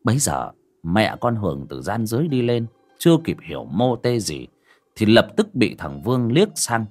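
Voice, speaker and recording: Man, horror story narrator, dramatic, lively pitch, husky, faint music behind. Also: moderate pace.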